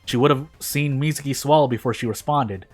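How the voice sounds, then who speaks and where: In a rambling, self-deprecating manner, a man narrates and comments on a game in a casual video, also reading fanfic. His mid-range voice is brisk, and faint music plays behind him.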